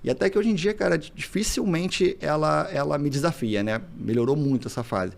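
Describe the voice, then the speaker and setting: A Brazilian man talks quickly in a gravelly voice, chatting casually as an interview guest. He tells his stories with energy and slips into the voices of the people in them. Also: a little high. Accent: Brazilian Portuguese. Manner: animated storyteller, acts out dialogue. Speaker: podcast guest, single father.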